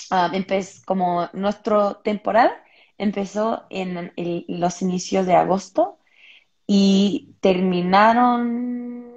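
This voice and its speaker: Gravelly young woman on a video call. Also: mid-range voice, darkish tone. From Los Angeles, United States. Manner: thoughtful, many fillers and restarts. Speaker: footballer guest. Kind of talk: casual interview answers. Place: home room, indoors. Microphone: earbuds on a video call. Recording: muffled video call audio.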